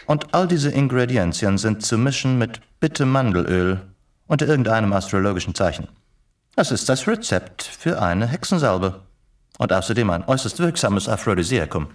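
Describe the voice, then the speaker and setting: Sing-song and on the low side, a man's voice runs at normal speed as he plays an eccentric, erudite English reporter and secret agent in a German radio play. He sounds urbane, sardonic and lecturing, with learned relish, in a slightly distant radio play recording.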